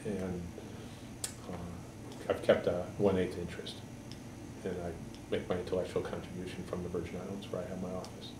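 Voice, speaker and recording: Low, flat-voiced man in his sixties. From Connecticut, USA. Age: 60s. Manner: halting, measured explanations. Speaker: political candidate. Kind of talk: newspaper editorial board interview. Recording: echoey room, mic far off, background noise.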